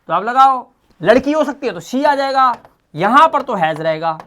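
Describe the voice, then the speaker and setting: A man teaching a spoken English lesson in Hindi. He talks straight to the viewer, spells words out letter by letter, and swings from quiet asides to loud, emphatic bursts. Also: very high voice, expressive, moderate pace.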